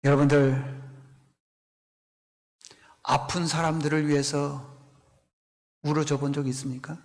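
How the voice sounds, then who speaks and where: A man preaches in a high voice, telling a scripture story with animation. He keeps turning to his listeners with questions, and a long church reverb hangs after him. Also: little pitch movement, measured pace. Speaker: pastor. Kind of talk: sermon. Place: church sanctuary.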